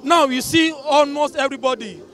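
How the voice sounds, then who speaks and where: A man's voice: extremely high pitch, normal speed, fairly bright tone, soft background music. A young man with a Nigerian accent pleading his view in a street interview, stumbling over and repeating words. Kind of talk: earnest street opinion. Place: busy city street outdoors. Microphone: handheld mic held by interviewer.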